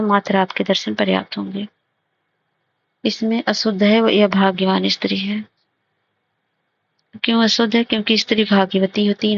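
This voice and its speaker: A woman teacher slowly explaining grammar test answers, repeating and correcting phrases as she goes. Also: medium pitch. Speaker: exam prep teacher. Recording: dull lo-fi recording.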